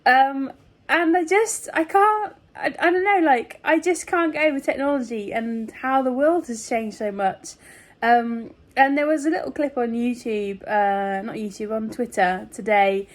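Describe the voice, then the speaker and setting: A vlogger with a fairly high voice talks casually to her viewers at a measured pace. Her delivery is chatty, meandering and giggly, like an informal video diary.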